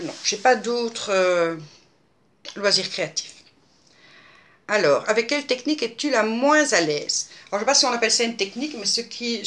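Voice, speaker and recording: A woman's voice: mid-range voice, fairly bright tone. A woman in her fifties from Belgium, chatting through viewer questions with lots of fillers and restarts. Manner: hesitant, many fillers and restarts. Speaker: scrapbooking vlogger answering viewer questions. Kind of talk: casual Q&A monologue.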